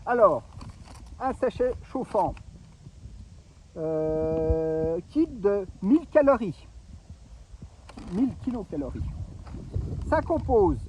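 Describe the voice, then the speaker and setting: A man's voice: high-pitched, very animated, takes it slowly, pauses often, warm tone, a little hiss or hum, low-quality recording. A man doing a casual unboxing review of a ration pack, explaining each item step by step and giving safety warnings. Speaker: gear reviewer.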